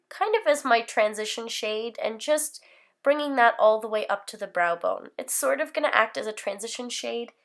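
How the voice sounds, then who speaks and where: A woman in her twenties, a beauty vlogger, talks casually through a makeup tutorial in her bedroom filming setup. Her voice is a little high and fairly bright but hoarse from a slight cold, and her upbeat chatter rambles with fillers.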